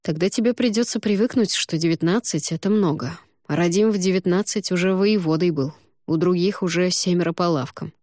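A guarded young man with a foreign accent, as a woman narrator puts him on, clipped and quiet. He talks low and subdued, in few words, and the recording is dry and close. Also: fairly quick, hardly any pauses, dry recording, lightly acted. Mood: serious. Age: young adult. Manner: terse, quiet, curt.

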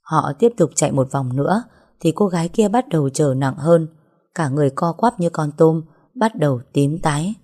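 A woman narrating a story in a steady, even way. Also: deep voice, moderate pace.

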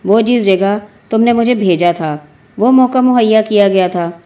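A woman's voice: medium pitch, mellow, lightly acted. A woman voicing a determined male union worker in a story, speaking firmly and curtly. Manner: firm, curt.

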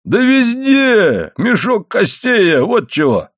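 A man voicing a touchy, childish middle-aged coal miner who complains loudly in a raised voice. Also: on the high side, very animated, normal speed, no echo, clean studio sound, voice pushed up. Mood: grumbling. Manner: loud, complaining, exclaiming in a raised voice.

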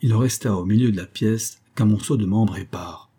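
A man narrating a translated classic short story in a steady, measured way. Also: fairly low pitch, breathy edge. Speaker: audiobook narrator. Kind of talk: scripted narration.

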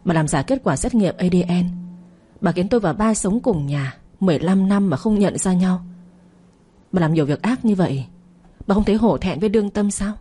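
A woman's voice: mid-range voice, lively intonation, fairly quick, warm tone, slightly rough. A woman narrator voicing a cold, vengeful young woman who declaims her threats steadily in a storytelling audio drama. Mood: bitter.

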